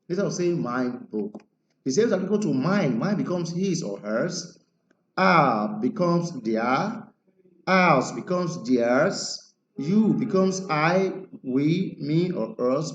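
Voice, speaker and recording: A man teaching an English grammar lesson, emphatic and quizzing his listeners with rhetorical questions. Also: a little high. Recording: roomy lo-fi recording with faint noise.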